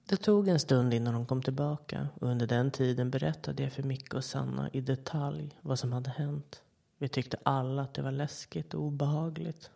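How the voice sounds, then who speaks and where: Gravelly, measured horror storyteller. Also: medium pitch. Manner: calm, measured storytelling with short quoted voices. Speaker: podcast storyteller. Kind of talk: scripted horror narration.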